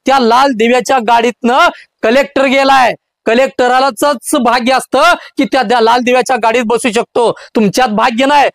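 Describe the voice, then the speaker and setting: Man, motivational speaker, emotive storytelling, fervent, very high voice, dry close sound. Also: steady tone, normal speed, creaky, no echo. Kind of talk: dramatic storytelling speech.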